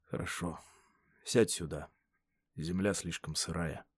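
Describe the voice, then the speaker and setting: A man reading an audiobook, voicing a brooding, dismissive young Roman man in a low, quiet voice. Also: fairly even intonation, unhurried, husky, no echo. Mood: weary. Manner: low, quiet, curt delivery.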